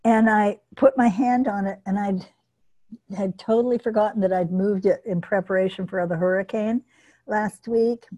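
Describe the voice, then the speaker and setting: A woman hosts an online group session over a video call, telling a personal mishap between items. She talks chattily, restarting and repeating words. Her tone is dark and mellow. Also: medium pitch, fairly even intonation, moderate pace, poor audio. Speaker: workshop host. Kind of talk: hosting an online workshop.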